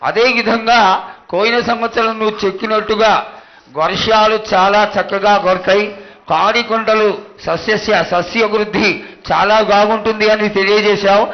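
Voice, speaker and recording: A man's voice: sits high, fairly even intonation, normal speed. A man addressing an oracle as a priest, deferential and reassuring in devotional pleading. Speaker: priest questioning and placating the oracle. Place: live temple festival ceremony. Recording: dull, band-limited live event sound.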